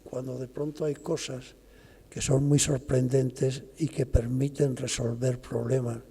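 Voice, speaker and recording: Older guy lecturing, gravelly dark voice, hall echo all around. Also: medium pitch, little pitch movement. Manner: explanatory, pauses and restarts mid-phrase. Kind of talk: academic lecture. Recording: long reverb of a lecture hall.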